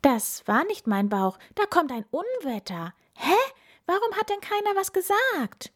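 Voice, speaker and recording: A woman voicing a cheerful, excitable male hero in a children's story, speaking in a bright, exclaiming, chatty way. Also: on the high side, measured pace, voice pushed up.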